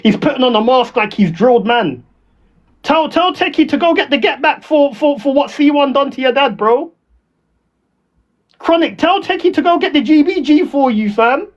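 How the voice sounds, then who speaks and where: A man's voice: very high-pitched, expressive, normal speed. A man with a London roadman accent and slang, ranting on a livestream in a taunting, confrontational, repetitive way. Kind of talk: ranting livestream trash talk. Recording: dull lo-fi audio.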